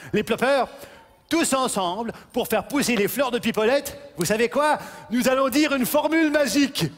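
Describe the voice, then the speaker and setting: A man playing an excitable, inventive elf in a children's show, talking in exclamatory kids' party magician patter and stammering when flustered. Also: very high-pitched, normal speed, big-room sound. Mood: eager, scheming.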